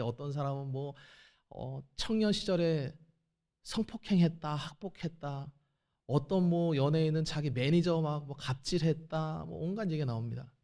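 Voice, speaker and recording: A man's voice: on the high side, darkish tone. A man preaching a Sunday sermon as pastor, talking straight to the congregation and acting out God's questions with rising force. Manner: conversational, addresses the congregation directly. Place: church.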